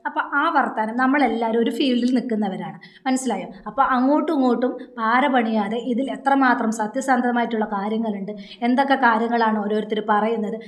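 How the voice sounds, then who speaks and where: Woman, vlogger, scolding rebuttal, rhetorical questions, rapid talk, echoey room. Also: on the high side. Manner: scolding, addresses the rival directly with repeated rhetorical questions. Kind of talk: confrontational direct-to-camera rebuttal. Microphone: phone.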